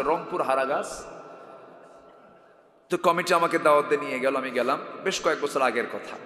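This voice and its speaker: A male preacher giving a humorous, rhetorical sermon to a gathering and calling on the crowd to answer louder. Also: on the high side. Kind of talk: Islamic sermon to a live gathering. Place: religious gathering over a sound system. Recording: echoey hall with long reverb.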